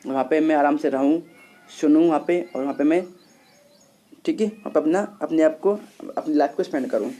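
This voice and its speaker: A man's voice: fairly high pitch, normal speed, dark tone. A male lecturer explaining a play scene by scene, retelling the plot and quoting each character's lines. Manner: retells a story, quoting each character's lines and glossing them in simple words.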